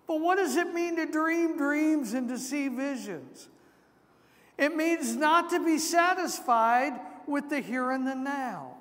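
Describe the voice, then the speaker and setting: Male pastor, high-pitched, unhurried, preaching with asides in a reverberant sanctuary. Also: expressive, fairly bright tone. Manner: slow, deliberate preaching with asides. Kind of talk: sermon. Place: large church sanctuary. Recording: long church reverb.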